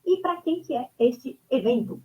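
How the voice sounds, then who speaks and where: A Brazilian woman from Goiânia, in her thirties, presents her online course in a webinar as a chatty instructor, constantly checking in with listeners using tags like "né?" and "tá?". Her Brazilian Portuguese-accented voice sits high and is animated, with a measured pace and darkish tone, on a rough recording.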